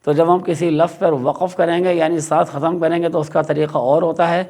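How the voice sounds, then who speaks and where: A man teaching Quran recitation rules, explaining slowly and repeating example words. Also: a little high, little pitch movement, a little mellow. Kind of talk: tajweed lesson.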